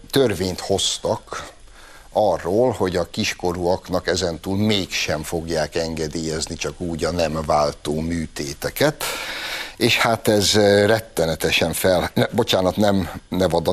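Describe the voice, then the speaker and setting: A man with a low voice hosts an opinion show. He delivers his commentary with heavy sarcasm and mockery. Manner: sarcastic, mocking. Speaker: talk show host.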